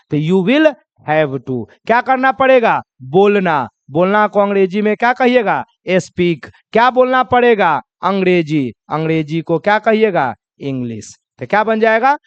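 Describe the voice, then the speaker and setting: A man's voice: sits high, clear, resonant tone, no room sound, dull audio. A man teaching spoken English in a lesson, drilling example sentences and asking and answering his own questions. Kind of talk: classroom lesson.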